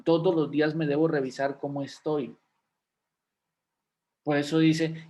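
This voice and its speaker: A pastor teaching a class speaks in a folksy, conversational sermon style, regularly checking in with listeners through rhetorical questions. His voice leans high with a somewhat dark tone.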